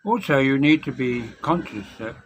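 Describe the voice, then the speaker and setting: A man with missing teeth gives an unscripted, reflective advice monologue as a vlogger, speaking in a measured way with deliberate pauses. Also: medium pitch, lively intonation, slight background noise.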